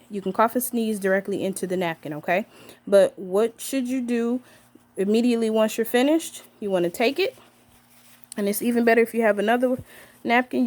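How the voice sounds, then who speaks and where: A woman's voice: mid-range voice, darkish tone. A woman working as a nurse, giving an upbeat health lesson to camera and checking in with viewers as she goes. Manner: upbeat, addresses viewers as guys, checks in with okay.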